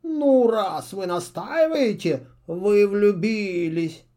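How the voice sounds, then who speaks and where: A fawning male owl servant in a children's storybook, as a man puts him on. His voice sits far above the reader's own, squeaky and strained, and he stretches every plea out in a slow, flustered whine. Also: warm tone. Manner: whining, flustered, slow and drawn out. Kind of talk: children's audiobook acting.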